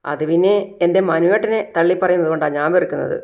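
A narrator voicing a caring young married daughter who talks earnestly and keeps asking questions. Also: female voice, on the low side, fast talker, creaky, a little mellow.

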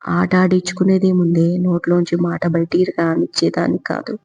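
A woman's voice: lowish voice, monotone, brisk, gravelly, darkish tone, slightly rough. A woman voicing a blunt, bossy older grandmother who lectures and scolds, on a dull lo-fi recording. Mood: scolding.

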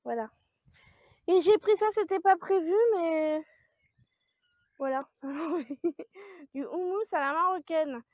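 Chatty woman vlogger, high voice, rambling, dry muffled recording. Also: slow, long pauses, no echo. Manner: chatty, rambling, with many fillers and laughs. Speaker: vlogger showing her grocery haul. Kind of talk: casual chat to camera. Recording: dry, dull lo-fi sound.

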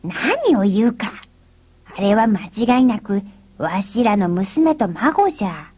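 A woman voicing a stubborn old village grandfather who speaks gruffly in an old man's dialect. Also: medium pitch, big pitch swings, slow pace, mellow, full character voice. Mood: indignant.

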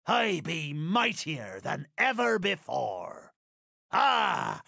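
A man voicing a sly, grandly courteous pirate captain in a video game, gravelly, with theatrical, drawn-out archaic pirate speech. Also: on the high side, fairly bright tone, no echo, clean studio sound, heavily acted. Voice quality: gravelly, creaky. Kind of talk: video game character voice lines.

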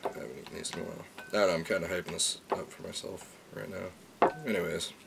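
Low-pitched, creaky young man chatting casually. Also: steady tone, quick pace, heavy background noise. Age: young adult. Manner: laid-back, slangy, sweary. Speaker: food challenge vlogger. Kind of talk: casual, rambling vlog chat. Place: at home, kitchen and small room. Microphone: handheld phone, later camera on desk.

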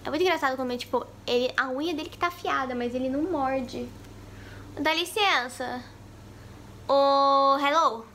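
A woman's voice: high voice, fast talker, few pauses, a bit bright, a little hiss or hum. A young woman vlogging casually at home, rambling with many fillers and sometimes slipping into baby talk for her cat. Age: young adult. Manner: chatty, rambling, full of fillers. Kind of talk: casual vlog chat. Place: at home, first kitchen then living room.

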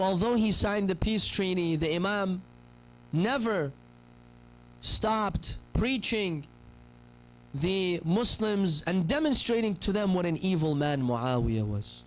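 The recording, low in quality with a bit of hiss or hum, captures a high-voiced man in his thirties preaching in a mosque hall. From a pulpit chair and into a gooseneck microphone on a stand, he relates stories fervently and acts out the people in them.

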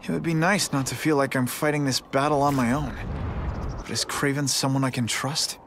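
A man's voice: mid-range voice, steady tone, moderate pace, noisy background, lightly acted. A man playing an earnest, nervous young photographer and secret hero in a video game, speaking hesitantly. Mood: pensive. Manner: hesitant, earnest, self-talking. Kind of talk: video game character acting.

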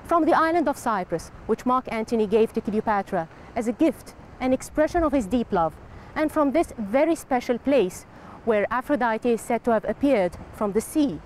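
A middle-aged woman hosting a program, presenting to camera outdoors on a seaside cliff in a measured, formal delivery. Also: fairly high pitch, lively intonation, a little mellow, slight background noise, rough recording. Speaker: host.

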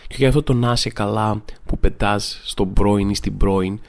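Gravelly man telling comic stories. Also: lowish voice, slight background noise. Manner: animated storytelling, mimics people in a raised voice. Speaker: podcast host. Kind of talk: comedic monologue.

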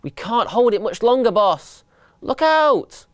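A man voicing rough, dim-witted mouse henchmen with a gruff, eager manner. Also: high-pitched, lively intonation, normal speed, dry recording, voice pushed up.

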